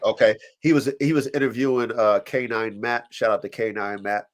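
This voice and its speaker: A podcast host congested from allergies talks about dogs on a live stream mic, his voice fairly low and his pace moderate. He's animated and profane, acting out dogs and their owners in quoted voices during the casual chat.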